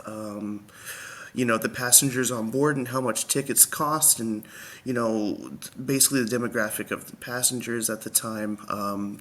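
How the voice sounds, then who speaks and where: A man's voice: on the low side, pushed and bright. A young man who is out of breath and wheezy, walking through a website in a casual, hesitant way with many ums. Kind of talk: casual screen-share walkthrough.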